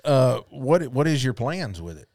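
A man's voice: mid-range voice, very animated, measured pace, creaky, a little mellow. Folksy Southern man hosting a podcast. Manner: folksy storytelling. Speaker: podcast host. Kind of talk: casual podcast chat.

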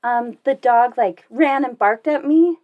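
A young woman recounts a trip in relaxed conversation, her voice sitting a little high. She is animated, laughs often and slips into voices to act out her own quotes. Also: a little slow, narrow, tinny audio. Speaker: guest telling a cycling story. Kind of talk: casual storytelling.

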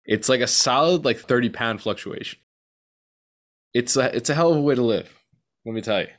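A man's voice: medium pitch, a little fast. A man hosting a podcast in casual, colloquial chat, talking like he's with a buddy. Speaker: podcast host.

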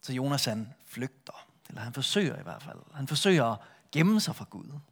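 A middle-aged man preaching a sermon, retelling a Bible story with lively shifts between a full voice and a soft hush. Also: mid-range voice, husky. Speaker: pastor.

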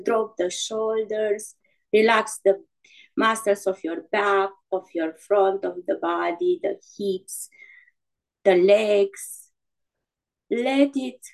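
Female guided meditation voice in a sleep story narrator manner: very unhurried, medium pitch, soothing, halting, improvised. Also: rough recording. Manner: soothing, halting delivery with gentle instructions and repeated breathing cues.

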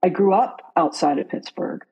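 A middle-aged business leader from West Virginia, telling their life story as a podcast guest in an earnest, open way that slows down on key points. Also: medium pitch, husky, lo-fi sound. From West Virginia, USA. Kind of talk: reflective personal storytelling.

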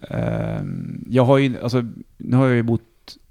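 A man with a Hälsingland Swedish accent, chatting casually as a guest, relaxed and rambling, swearing easily. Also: medium pitch, vocal fry. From Sweden, Hälsingland. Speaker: musician and radio host, guest. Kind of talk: casual conversation.

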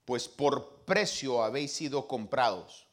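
A man preaching a sermon as pastor, swinging from loud emphasis to hushed tones and reading scripture slowly and emphatically. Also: mid-range voice.

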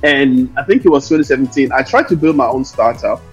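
A man's voice: medium pitch, lively intonation, brisk, breathy edge, faint music behind. Man, muffled interview recording. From Lomé, Togo; later Ireland. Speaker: interview guest, investor and founder. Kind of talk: conversational interview answers.

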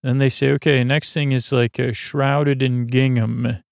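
A man hosting a sleep podcast, recapping a show in a meandering, halting way with many fillers and restarts. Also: medium pitch, little pitch movement, creaky, no room sound, clean studio sound. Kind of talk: rambling bedtime recap.

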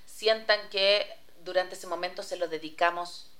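A woman's voice: lowish voice, steady tone, normal speed, fairly bright tone. Chatty woman co-host. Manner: chatty, many fillers and restarts. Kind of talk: casual radio talk.

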